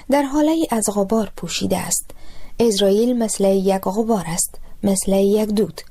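A woman with an Afghan Dari accent reads a short story aloud, calm and even. Her voice sits a little high for a woman. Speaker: narrator. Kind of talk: audiobook narration of a short story.

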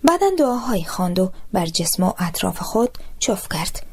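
Calm woman reading a story in Afghan Dari. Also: medium pitch, husky. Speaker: narrator. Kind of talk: audiobook narration of a short story.

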